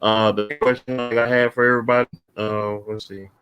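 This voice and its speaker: A man hosting a casual livestream call, talking haltingly with many fillers and restarts while he sorts out the connection. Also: mid-range voice, little pitch movement, a bit bright, clear, resonant tone, highs cut off, soft background music. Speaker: livestream host.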